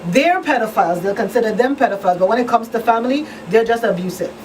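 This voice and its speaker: A talk show co-host and victim advocate speaks conversationally in a panel discussion, explaining her points and often checking that listeners follow. Her fairly high, darkish voice is animated and fast. The mic is distant, with faint background noise.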